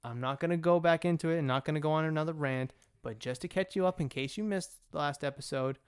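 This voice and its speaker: Young guy ranting on his sports podcast, smooth voice a bit on the high side, keeps correcting himself. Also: quick pace. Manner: opinionated, rambling, self-correcting. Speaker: podcast host. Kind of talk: solo sports talk podcast.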